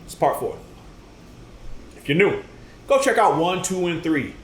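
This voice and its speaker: A man's voice: high voice, very animated, a little slow, roomy sound, slight background noise, rough recording. A man hosting a reaction channel in easygoing casual chat, thanking supporters.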